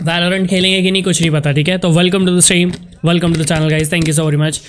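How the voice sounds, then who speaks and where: A man streaming a horror game live, greeting viewers by name and reacting with lively chatter that mixes in English phrases. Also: high-pitched, moderate pace, noisy background. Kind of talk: live gameplay commentary.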